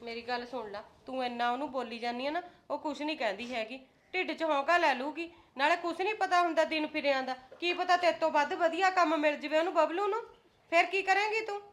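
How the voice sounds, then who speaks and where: A woman's voice: fairly high pitch, fast, few pauses, lightly acted. A woman playing a firm, motherly Punjabi mother-in-law. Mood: scolding. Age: middle-aged. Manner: scolding, then soothing and motherly. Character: middle-aged mother, firm yet kind. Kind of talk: Punjabi short-film acting.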